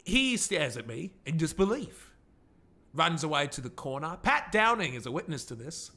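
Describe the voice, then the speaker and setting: A man telling a wild story in character, excitable and swearing a lot, often bursting into shouts. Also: fairly high pitch, moderate pace.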